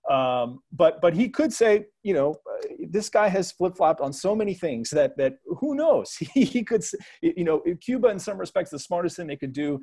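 A man's voice: high voice, very animated, normal speed, creaky, few pauses, mellow, husky. A man speaking as a guest analyst in a panel discussion, hesitant, with many fillers and restarts and a touch of wry sarcasm.

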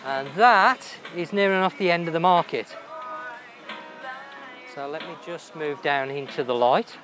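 Here a male travel vlogger walks a busy night market outdoors, eagerly chatting and thinking out loud about the food around him. His voice is a little high and unhurried, and music plays in the background. The clip comes from a handheld camera on the move and carries loud market noise.

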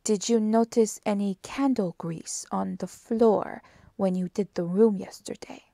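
A woman voicing a fussy, precise older male Belgian detective who asks slow, emphatic questions in a storybook reading. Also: medium pitch, steady tone, creaky, warm tone, no room sound. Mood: probing. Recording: dry close audiobook recording.

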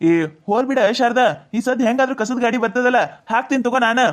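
A man voicing an older village father-in-law in a cartoon, soothing and pleading for calm in a North Karnataka Kannada accent. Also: very high-pitched, fast. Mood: placating. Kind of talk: cartoon voice acting.

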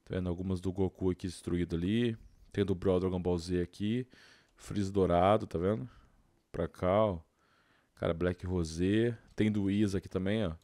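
With a steady tone and moderate pace, a young Brazilian gamer narrates his play casually, full of slang and spoken-aloud thoughts. His voice is low and mellow, and the recording is completely dry.

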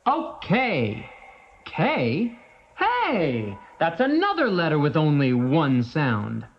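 A woman narrating a children's alphabet lesson in a slow, playful, expressive way. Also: low voice, a little hiss or hum. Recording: dull lo-fi track with faint music.

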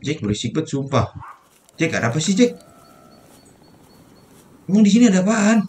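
A man's voice: high voice, sing-song, moderate pace, darkish tone, slight background noise. Young man, casual game commentary, swears a lot, faint keyboard clicks behind. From Indonesia. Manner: chatty, swears often, addresses viewers. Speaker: gaming streamer. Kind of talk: casual let's-play commentary.

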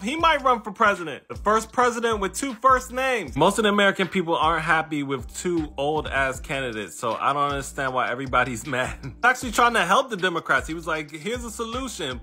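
High-pitched man cracking punchy topical jokes. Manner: animated, sarcastic, punchy joke delivery. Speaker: commentator. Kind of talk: punchy comedic topical commentary to camera, like late-night jokes.

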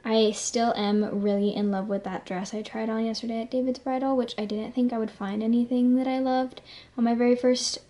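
A woman's voice: fairly high pitch, steady tone, fairly quick, warm tone. A woman, chatting to camera in a bubbly, filler-heavy way and sounding a little out of breath. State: slightly out of breath. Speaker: vlogger. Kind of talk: casual chat to camera.

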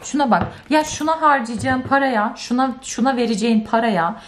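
Young woman vlogger, casual chat, exasperated animated ranting, faint background noise. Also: normal speed. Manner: animated, exasperated ranting with sudden high outbursts. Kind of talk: casual vlog chat to camera.

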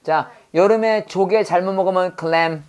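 A woman's voice: fairly low pitch, moderate pace, a little mellow. A woman teaching English vocabulary in a lesson, drilling words by repeating them and quizzing her students. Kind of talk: call-and-response language lesson.

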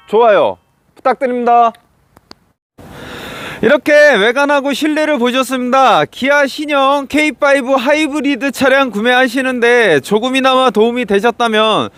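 A man's voice: extremely high pitch, normal speed, few pauses, a bit bright, clean tone. A man presenting a used car as a dealer, in practised, polite, formulaic salesman patter. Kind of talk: scripted sales walkaround presentation.

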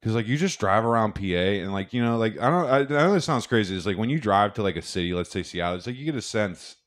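A man's voice: on the low side, lively intonation, quick pace, dry recording, studio quality. A young man co-hosting a podcast in casual, rambling chat, swearing and restarting often. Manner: rambling, loose and profane, many restarts. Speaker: podcast co-host.

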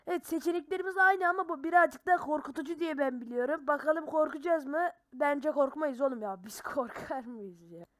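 High voiced woman playing a horror game, jumpy and slangy, yells when scared. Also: no room sound. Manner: excitable and jumpy, cursing and yelling in fright; slangy banter with viewers. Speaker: gaming channel host. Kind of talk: horror game let's-play commentary.

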